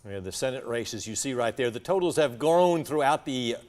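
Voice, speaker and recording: A man's voice: mid-range voice, lively intonation, brisk, darkish tone. A man anchoring breaking election news on a broadcast.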